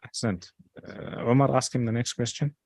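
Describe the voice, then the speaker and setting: A man's voice: mid-range voice, a little fast, gravelly, a little mellow, no room sound. A man teaching a study circle, patiently explaining step by step. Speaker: religious teacher.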